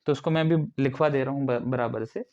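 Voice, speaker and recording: Man, instructor from India, classroom lecture, mid pitch, rhetorical questions, muffled lo-fi recording. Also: fairly even intonation, a little fast, a little mellow. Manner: explains step by step, asks rhetorical questions. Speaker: ITI instructor.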